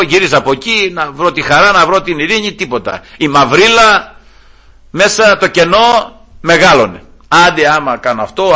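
A middle-aged man preaching a fervent sermon, retelling scripture scenes with voiced quotes and swinging from high emphatic pleas to low murmurs. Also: pushed and bright.

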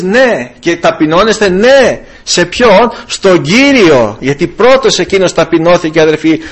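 Husky male preacher giving testimony. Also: a little high. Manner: addresses listeners as brothers, emphatic swells. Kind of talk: sermon with personal testimony.

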